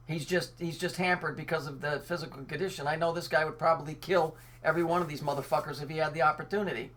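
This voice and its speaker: Reading the news aloud, this online commentator keeps breaking in with sarcastic, foul-mouthed remarks in an angry rant. The voice sits at medium pitch and sounds a bit bright.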